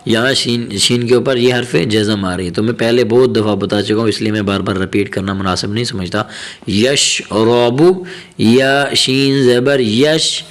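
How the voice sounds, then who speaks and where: A man's voice: on the low side, fairly even intonation. Patient Pakistani Urdu-speaking male Quran teacher. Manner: spells out syllables slowly, then explains quickly; patient, encouraging. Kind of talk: teaching lesson.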